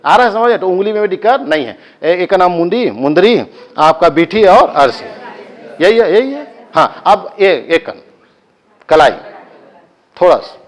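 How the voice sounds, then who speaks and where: A man's voice: sits high, animated, a little slow. A male coaching teacher with a Chhattisgarhi accent, giving a live class lecture, drilling students with chanted repetition and joking asides.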